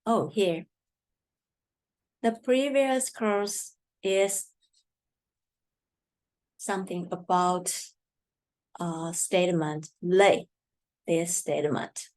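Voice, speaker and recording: Woman teaching chinese in english, super slow and patient, repeats stuff for learners, mandarin is her first language. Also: fairly low pitch, a little mellow. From Taiwan. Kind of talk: slow language lesson explanation.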